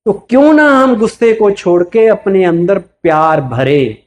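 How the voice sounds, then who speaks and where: A man's voice: high-pitched, animated, a little slow. A man with an Indian accent giving a motivational spiritual talk to a live audience, asking them questions and answering them himself. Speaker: spiritual speaker.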